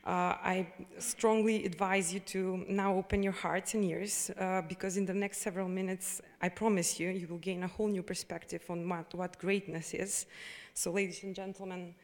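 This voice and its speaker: A woman's voice: medium pitch, level tone, moderate pace. A woman giving a hesitant speech at a live corporate event, with many fillers and restarts. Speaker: bank representative. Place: event hall. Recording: long hall reverb.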